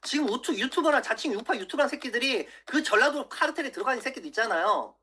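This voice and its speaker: A man's voice: very high voice, expressive, fast talker, pushed and bright, breathy edge. A man in his thirties on a livestream, swearing angrily and lecturing his viewers, keeps asking "예?". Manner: profane, angry, keeps asking "예?". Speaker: political YouTuber. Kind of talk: livestream rant.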